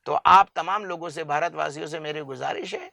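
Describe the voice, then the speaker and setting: Earnest high-voiced man pleading. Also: vocal fry, bright, forceful tone, dry recording, studio quality. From India. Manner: earnest, emphatic, piles up lists of examples. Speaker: interview guest. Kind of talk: impassioned public appeal.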